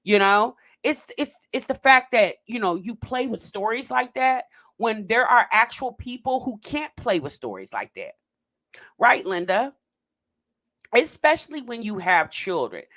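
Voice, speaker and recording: Her voice is a little high and fairly bright, very animated but a touch slow. She hosts a reaction commentary channel, reading the live chat in a casual video, speaking straight to viewers and elongating words for emphasis.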